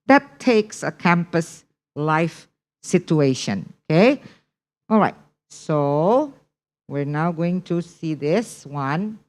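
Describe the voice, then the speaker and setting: An English test prep teacher with an Indonesian accent leads an online class, repeating key points and checking in with her students. Her voice sits low and is expressive, and she speaks slowly.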